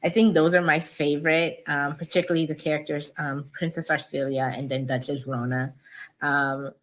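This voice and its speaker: Low-pitched woman author guest, chatty, lots of ums and laughs. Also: flat delivery, moderate pace, a bit bright. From United States, Cameroonian parents. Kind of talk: casual interview chat.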